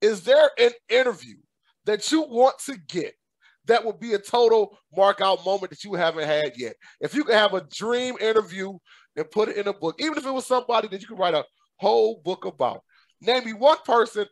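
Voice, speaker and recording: A man's voice: high-pitched, expressive, brisk, no room sound. A male podcast host chatting with a guest in a hyped, upbeat, slangy way, laughing often. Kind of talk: casual interview chat.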